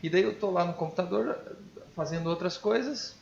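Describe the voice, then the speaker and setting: A man who sings in a band, a podcast guest speaking casually and reflectively in halting phrases. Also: sits high, vocal fry, slight background noise. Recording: dull lo-fi audio.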